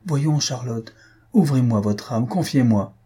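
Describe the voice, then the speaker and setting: A man's voice: medium pitch, measured pace, dark tone, husky. A man voicing an anxious male fiancé who presses with urgent, insistent questions.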